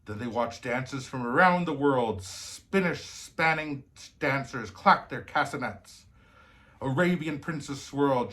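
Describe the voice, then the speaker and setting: Man playing slow-talking, jolly old Santa Claus. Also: medium pitch, fairly bright tone. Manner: slow, hearty, theatrical delivery. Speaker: storyteller host. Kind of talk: cheerful children's storybook reading.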